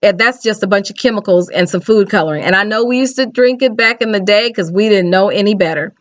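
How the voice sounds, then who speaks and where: Middle-aged American woman, casual advice vlog, plain-spoken, medium pitch, dry close room, slightly muffled laptop mic. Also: fast talker, dry recording. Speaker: video blogger. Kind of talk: casual advice chat to camera. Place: small indoor home room. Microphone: webcam or laptop mic at arm's length. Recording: dull lo-fi webcam audio.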